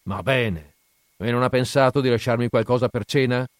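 A man voicing a drunken, bullying father who shouts at his son. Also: mid-range voice, normal speed, dry recording, studio quality, lightly acted. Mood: scornful. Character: drunken brutal father, grown man, bitter temper.

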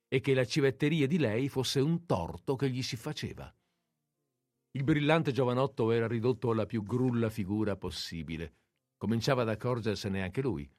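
A man reading a classic short story aloud, expressive and literary. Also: mid-range voice, no room sound, studio quality. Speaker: narrator.

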